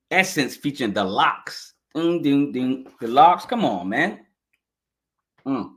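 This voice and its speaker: Speaking straight to his viewers through a live stream podcast mic, a man reviews an album in a casual, hyped, slang-heavy style. His voice is medium-pitched and fairly bright, though scratchy this morning.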